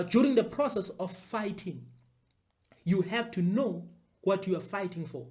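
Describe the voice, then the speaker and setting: A commentator talks to viewers without a script. The delivery is deliberate and repetitive, with emphatic phrasing at an ordinary, medium pitch. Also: darkish tone. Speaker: video commentator. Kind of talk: unscripted spoken commentary.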